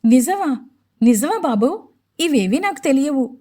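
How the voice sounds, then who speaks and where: A kindly, devout old family priest, voiced by a woman speaks softly and warmly in this audio storybook. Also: high voice, sing-song, measured pace. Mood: admiring.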